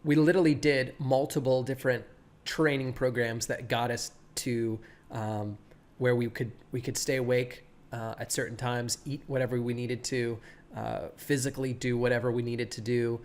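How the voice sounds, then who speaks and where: A man in his thirties, a pastor and guest, telling stories in an animated way, with a laid-back surfer-like voice, often acting out what people said. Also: medium pitch, normal speed. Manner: animated, quotes people, many restarts. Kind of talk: casual storytelling interview.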